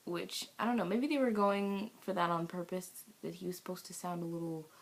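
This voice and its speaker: Young woman, lowish voice, rambling fan review with lots of ums and gushing outbursts, recorded on a camera mic in her bedroom. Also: a little fast. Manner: rambling, gushing, with many ums and bursts of excited shouting. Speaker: video reviewer. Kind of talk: casual vlog review.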